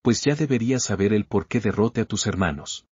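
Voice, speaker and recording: This is a man doing a young male hero from a manhwa recap, a humble son-in-law who stays cocky and joking. His voice is low and husky. The dry, dull recording sounds lo-fi. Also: a little fast, darkish tone, no echo. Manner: casual, joking, slangy.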